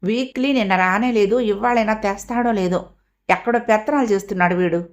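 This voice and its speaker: A woman voicing an excitable young woman, a younger sister who talks eagerly and fretfully in an audio story. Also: medium pitch, fairly quick, close to an everyday voice.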